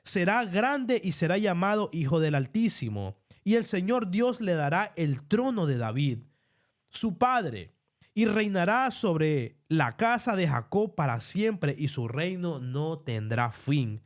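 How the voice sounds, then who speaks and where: A man's voice: high-pitched, big pitch swings. A man preaching a Bible teaching sermon, reading verses aloud and asking listeners to underline words. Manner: explains slowly, tells listeners to underline verses.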